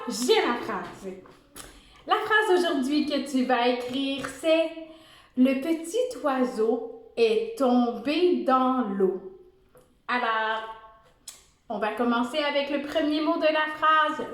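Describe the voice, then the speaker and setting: A woman teacher with a Québécois French accent leads a first-grade spelling dictation, sounding out each letter and syllable slowly. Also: high-pitched, a bit bright. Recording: echoey room.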